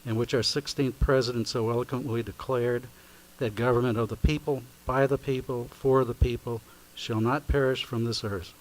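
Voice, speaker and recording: A man leading a formal spoken prayer at a county meeting, speaking at a lectern microphone in a solemn, measured, recited way. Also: mid-range voice, steady tone, rough recording. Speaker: invocation leader at a county meeting.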